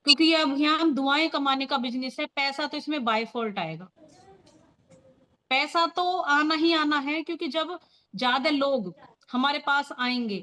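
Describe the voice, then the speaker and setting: Woman running a team training on a video call, high voice, earnest and firm. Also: fairly bright tone. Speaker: meeting leader.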